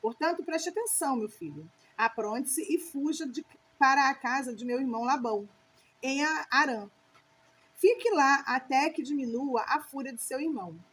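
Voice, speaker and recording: A worried mother urges her son to flee, read out by a woman in her own voice. High, bright pitch with faint noise behind. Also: expressive, normal speed. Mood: urgent.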